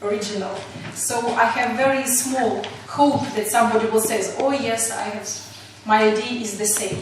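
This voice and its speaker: A high-voiced woman with a Russian accent explains an exercise to her group. She speaks halting English, often pausing to find the word. The recording is distant and very echoey, with clear noise behind her. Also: fairly even intonation. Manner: halting, searching for words in non-native English. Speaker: teacher leading a group exercise.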